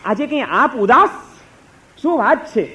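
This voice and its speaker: Man doing an eager male sage, pleading, reassuring, high voice, lo-fi sound. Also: sing-song, measured pace, sharp tone, heavily acted.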